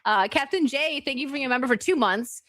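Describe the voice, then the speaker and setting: A woman's voice: high voice, quick pace, a bit bright, dry recording. Chatty girl streamer rambling and giggling, lots of "like", dry close sound. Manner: chatty, giggly, many "like" fillers. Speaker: streamer host. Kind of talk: casual livestream chat.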